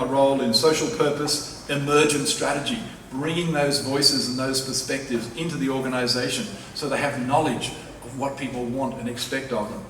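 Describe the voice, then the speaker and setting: Speaking at medium pitch with a slightly bright quality, this man lectures publicly as a professor in a big university lecture hall. His delivery is forceful and persuasive, and he circles back to key phrases to drive them home. Captured from afar, the audio has hall echo and a little noise.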